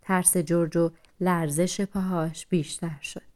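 A woman narrating an animal story in a soft, dramatic way, sinking into hushed whispers at tense moments. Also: lowish voice, fairly even intonation.

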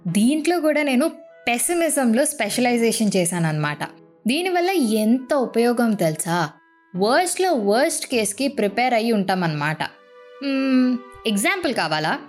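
A young woman with a slightly high voice hosts a podcast, speaking straight to the listener in a playful, self-mocking monologue. She acts out her anxious inner thoughts and mixes in English phrases.

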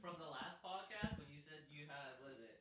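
A man's voice: fairly high pitch, animated, a little fast, bright, forceful tone. A young man from Hawaii, a guest on a casual podcast, goofy and playful. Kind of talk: casual chat.

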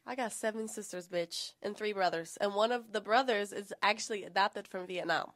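A woman's voice: medium pitch, normal speed, fairly bright tone. A young woman from Florida co-hosting a podcast, chatting casually with lots of slang and swearing. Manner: profane, slangy, blunt. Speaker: podcast co-host. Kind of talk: casual chat.

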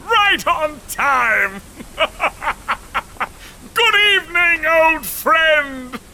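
An actor playing a gleeful, vengeful ice villain who gloats theatrically and cackles. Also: male voice, very high voice, expressive, extremely slow, sharp tone, slight background noise, exaggerated voice, low-quality recording. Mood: gloating.

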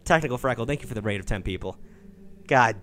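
A man's voice: medium pitch, fast, a little hiss or hum. A young man hosting a live stream, chatting casually with his audience and callers, swearing and joking as he reacts. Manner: animated, swears, jokes with chat, reacts loudly. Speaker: streamer taking calls.

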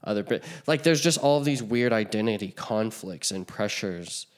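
A man's voice: fairly low pitch, lively intonation, moderate pace. A man co-hosting a podcast, talking in a loose, rambling way with many fillers and restarts. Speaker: podcast co-host. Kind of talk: casual chat.

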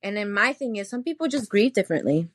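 A young woman co-hosting a podcast in casual chat, blunt and animated, laughing often. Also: medium pitch, quick pace. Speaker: podcast co-host.

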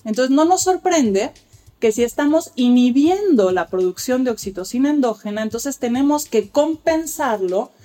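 With a high, dark-toned voice, lively intonation, and a moderate pace, a woman speaks as an interview's expert guest. She explains childbirth care articulately, in a lecturing style, acting out quoted exchanges.

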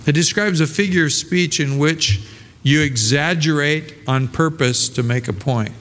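A man's voice: a little high, fairly bright tone. A male pastor preaching a sermon in a conversational way, full of rhetorical questions and restarts. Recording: long hall reverb.

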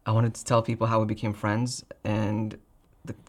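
A man hosting a casual video discussion, informal and halting as he works toward his questions. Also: lowish voice, completely flat delivery. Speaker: video host, interviewer. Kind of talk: casual chat.

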